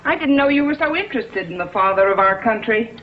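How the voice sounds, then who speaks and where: A woman's voice: on the high side, expressive, fast, close to an everyday voice. An actress playing a cheerful, good-humored mother who teases and reassures her daughter in a 1950s TV sitcom. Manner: light, teasing, reassuring. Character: breezy good-humored mother, teasing, unflappable. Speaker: mother on a trip. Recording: dull old TV soundtrack with hiss and audience noise.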